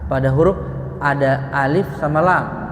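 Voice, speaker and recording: A man teaching Quran recitation rules to a congregation, slowly explaining and asking rhetorical questions. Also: medium pitch, background noise. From Indonesia. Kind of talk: tajwid lesson to a congregation. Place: prayer room. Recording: echoey prayer room, faint ambience.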